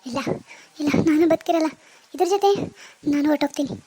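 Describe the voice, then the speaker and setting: A woman's voice: sits high, fast, dark tone, lightly acted. A woman voicing an anxious, grieving young village mother who pleads and fires off frantic questions.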